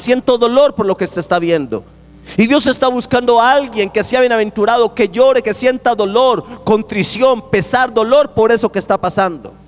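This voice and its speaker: High-voiced pastor preaching in a hall. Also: male voice. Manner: emphatic, repetitive preaching, rising and falling sharply. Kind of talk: sermon. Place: church sanctuary. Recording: echoey church hall.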